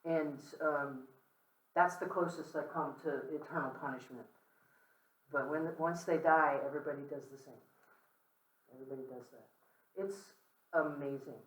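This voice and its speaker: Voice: medium pitch, steady tone, moderate pace, pauses often, a little hiss or hum. A guest speaker giving an informal, candid lecture to a campus audience, talking conversationally and often checking in with "okay?". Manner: candid, with asides and light humor. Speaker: guest speaker on death and dying. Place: large room with an audience. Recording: roomy echo, speaker far from the mic.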